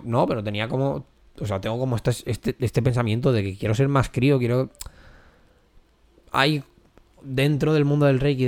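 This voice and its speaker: A man talks on a relaxed podcast at a middling pitch. He speaks frankly and swears freely, breaking off and restarting his sentences. Soft music plays faintly underneath. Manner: candid, swears a lot, many restarts. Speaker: podcast co-host. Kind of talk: casual podcast chat.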